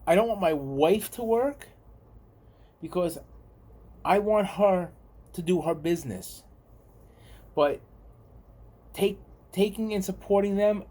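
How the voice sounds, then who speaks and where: A man's voice: on the high side, warm tone. A man from the United States with a New York accent, chatting casually to his viewers and rambling and repeating himself. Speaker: vlogger. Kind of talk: casual talk to camera.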